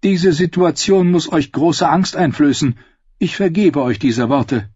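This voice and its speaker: A scheming queen mother, as a male audiobook reader puts her on, cool and condescending, with a husky, fairly high voice. The recording is dry and a bit dull. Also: unhurried, a little mellow, no echo. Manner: smooth, condescending. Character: scheming older queen mother, coolly composed. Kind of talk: audiobook dialogue.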